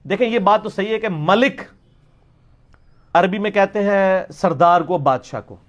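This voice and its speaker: High-voiced emphatic man lecturing. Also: lo-fi sound. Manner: emphatic, repeats words to demonstrate pronunciation. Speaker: religious lecturer. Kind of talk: question-and-answer lecture.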